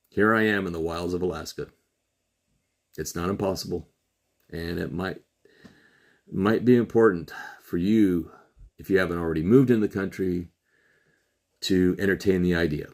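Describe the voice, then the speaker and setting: Middle-aged male host, very low gravelly voice, earnest solo commentary with slow emphatic pauses. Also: a little mellow. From Trinidad and Tobago. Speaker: podcast host.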